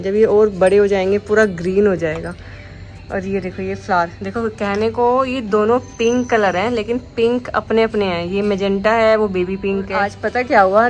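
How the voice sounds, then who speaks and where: A woman chatting casually as a vlogger on an outdoor walk, talking sweetly to her dogs now and then. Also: medium pitch. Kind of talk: casual vlog chat.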